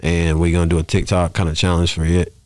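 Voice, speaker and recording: A rapper in his thirties, guesting on a podcast, rambles through stories in casual interview talk, dropping "you know what I'm saying" along the way. His deep voice is completely flat and he talks fast. He's indoors in a small podcast studio, wearing headphones, close to an arm-mounted mic, and the recording is dry.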